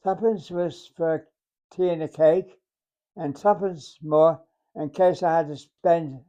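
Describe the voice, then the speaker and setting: Centenarian male veteran. Soft-edged mellow tone, slightly high for a man, deliberate storytelling, muffled recording. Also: fairly even intonation. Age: 100. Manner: halting, deliberate, acts out remembered dialogue. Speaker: war veteran. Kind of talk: unscripted reminiscence, storytelling.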